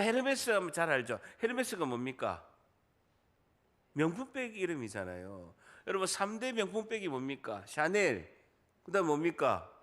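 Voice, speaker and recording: Middle-aged male pastor, Gyeongsang accent, fairly high bright voice, animated preaching with quizzes and jokes. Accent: Gyeongsang dialect. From Busan, South Korea. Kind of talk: sermon.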